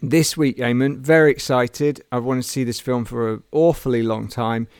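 A man of middle pitch co-hosting a comedy podcast, with a gravelly edge of fry in his voice. He banters playfully and mocks himself, recorded dry and close. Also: steady tone, moderate pace, a little mellow, no echo. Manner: playful, self-mocking banter. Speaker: podcast co-host. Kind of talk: casual comedic chat.

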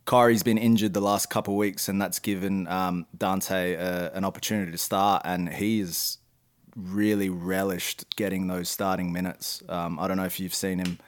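A man with a somewhat low voice co-hosts a laid-back sports podcast. He talks haltingly, full of ums, while listing off points and rebounds. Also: flat delivery. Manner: hesitant, many ums, reads out stats. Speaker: podcast co-host. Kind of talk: casual sports chat.

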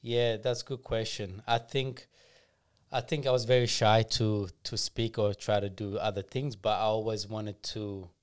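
A man telling his life story as a podcast guest in a soft-spoken, unhurried way. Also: lowish voice, little pitch movement, clean tone. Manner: soft-spoken, unhurried, acts out his younger self in quotes. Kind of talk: casual storytelling.

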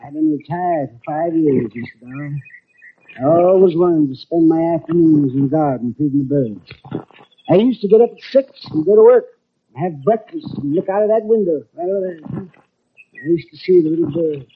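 An actor playing a sour, retired wealthy man in his fifties in a 1950s radio drama, speaking gruffly and curtly. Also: a little high, expressive, moderate pace. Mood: reflective. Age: 50s. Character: sour retired rich man, late fifties, feeds birds. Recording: tinny old radio recording.

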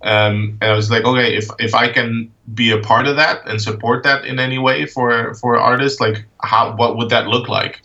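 A Dutch man in his thirties, a guest in a casual interview, who talks in a halting way with many fillers and restarts. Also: medium pitch, flat delivery, bright, forceful tone, recorded from a distance, dull audio. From Netherlands. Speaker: guest, art project founder.

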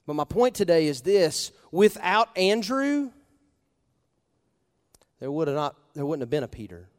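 A man's voice: fairly high pitch, big pitch swings, a little slow. Preaching man in a reverberant hall. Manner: conversational preaching with rhetorical questions and sudden loud emphasis. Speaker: pastor. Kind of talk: sermon.

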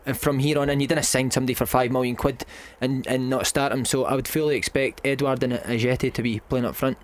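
A Scottish man talking football as a radio pundit, chatty and keeps calling the caller "mate". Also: mid-range voice. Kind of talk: casual phone-in chat.

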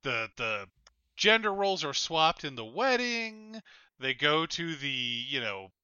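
A man co-hosting a podcast, talking in animated casual chat with lots of filler words. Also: fairly high pitch, takes it slowly, clear, resonant tone, no room sound, lo-fi sound. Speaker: podcast co-host.

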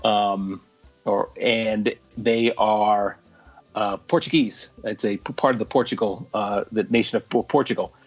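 A man calling in as a remote correspondent over a radio link, chatting easily and explaining things with halting restarts. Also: fairly low pitch, fairly even intonation, husky, lo-fi sound. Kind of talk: casual comedic radio chat.

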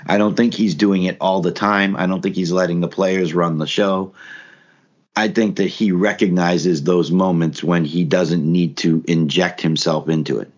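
A man with a very low, deep voice co-hosts a casual sports podcast. He thinks out loud, restarting sentences and hammering points home. The sound is a little dull and lo-fi. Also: fairly even intonation, moderate pace. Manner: thinks aloud with restarts, emphatic. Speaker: podcast co-host.

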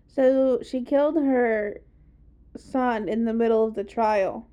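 A woman's voice: a little high, takes it slowly, warm tone, smooth. A woman co-hosting a podcast, chatting casually and reacting, on a slightly lo-fi microphone. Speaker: podcast co-host.

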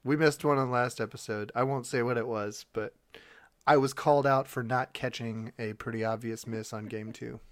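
A man's voice: medium pitch, fairly even intonation, normal speed, no room sound, clean studio sound. A man playing a movie trivia game, joking around and laughing often in casual chat. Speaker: game player.

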